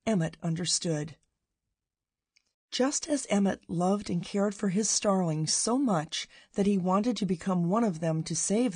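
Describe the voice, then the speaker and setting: A woman narrating a Christmas story slowly and expressively. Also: medium pitch, warm tone, breathy edge, dry recording. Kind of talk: Christmas story read aloud.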